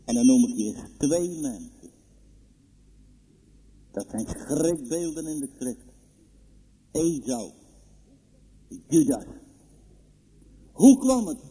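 A man preaching a sermon in a church, solemn and emphatic, with sudden high outbursts. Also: warm tone. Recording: long reverb of a church hall.

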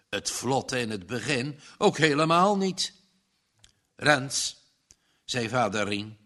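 A man reading a children's story aloud in a gently expressive way. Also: mid-range voice. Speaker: narrator.

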